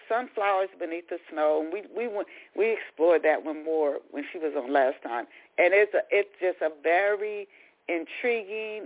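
A woman hosting a radio interview, talking in a halting way and often repeating her words. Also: on the low side. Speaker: radio show host. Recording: tinny phone-like radio sound.

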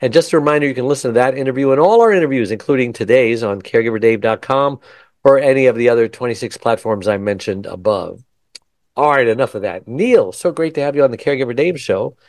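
A man's voice: medium pitch, fast talker, darkish tone, dry recording. Upbeat male podcast host, dry sound. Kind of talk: interview hosting.

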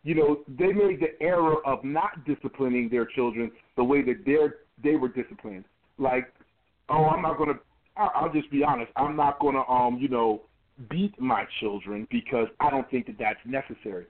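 A man's voice: medium pitch, moderate pace. A man in his forties, a pastor being interviewed, talking emphatically and often repeating words as he builds a point. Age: 40s. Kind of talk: conversational interview. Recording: tinny phone-line audio.

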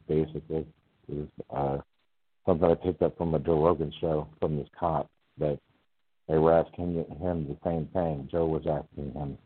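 Low-voiced man calling into a radio show. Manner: rambling, chatty, laughs often. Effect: call-in voice over a phone line. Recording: tinny phone line.

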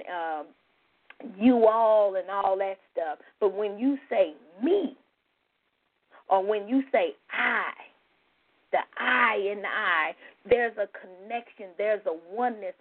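A woman giving an informal spiritual lesson, repeating her points emphatically with frequent "you know" asides. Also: medium pitch. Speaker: spiritual teacher. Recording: tinny phone-like sound.

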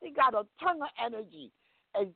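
A middle-aged woman co-hosting a casual chat show, lively and encouraging. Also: fairly high pitch, fairly quick, no room sound, phone-quality sound. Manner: lively, laughs often, encouraging. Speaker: co-host of a women's chat show.

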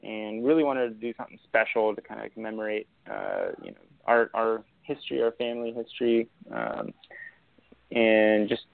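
A man's voice: lowish voice, huge pitch swings, moderate pace, vocal fry, no room sound. A young man from Argentina, a winemaker guest, talking casually and rambling with many fillers and restarts over a thin, phone-like line. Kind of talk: casual interview chat. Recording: tinny phone-like line, dry.

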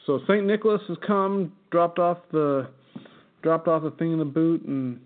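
A man's voice: fairly high pitch, fairly even intonation, normal speed. Casting: American guy, podcast co-host, rambling laughing storyteller, thin phone-line sound. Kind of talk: casual chat. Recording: tinny phone-like audio.

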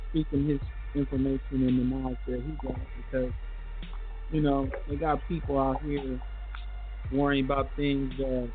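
A male caller rambles easily, leaning on "you know" between thoughts. His voice arrives muffled and bass-heavy, squeezed through a tinny phone line. Faint music sits under the call. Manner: laid-back, rambling, lots of "you know". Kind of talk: casual call-in chat.

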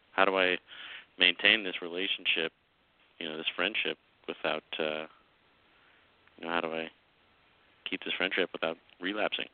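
A young man calling in to a radio show, his voice low and squeezed thin by a tinny phone line. He talks in a halting way, filling his pauses with many fillers. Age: 20s. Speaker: caller.

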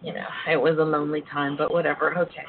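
A woman hosting a casual, playful radio talk show, with a sassy, drawn-out delivery and folksy endearments. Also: low voice, level tone. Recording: narrow phone-like line with faint noise.

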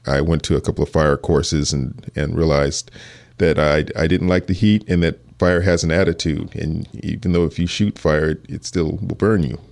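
A man with a very deep voice answers as a police detective. He speaks earnestly but haltingly, often restarting his sentences. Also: steady tone, creaky, a little mellow. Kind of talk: interview answers.

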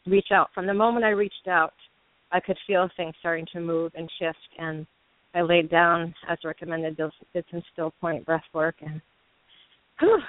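A woman calling into a radio show over the phone, speaking haltingly with many pauses and fillers. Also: on the low side, no room sound. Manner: halting, with many ums and sighs. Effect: caller heard over a phone line on a radio show. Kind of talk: casual call-in sharing. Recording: tinny dry phone line.

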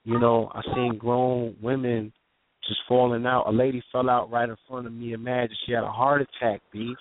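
A man's voice: medium pitch, little pitch movement, normal speed, no room sound. A man telling an intense eyewitness story in casual street slang, often asking "you know what I'm saying". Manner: intense, vivid eyewitness retelling. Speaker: guest telling a personal story. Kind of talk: raw conversational storytelling. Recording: tinny phone line, dry.

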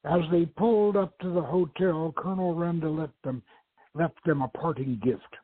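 On a muffled, narrow-band recording, a radio show host who is also a novelist presents his own adventure story and reads it aloud. His voice sits on the high side, with a breathy edge, at normal speed.

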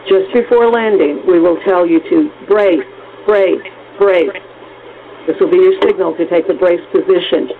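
A man's voice: high voice, vocal fry, phone-quality sound, a little hiss or hum. A man voicing a dutiful male senior flight attendant who reads cabin announcements in a formal, reassuring way.

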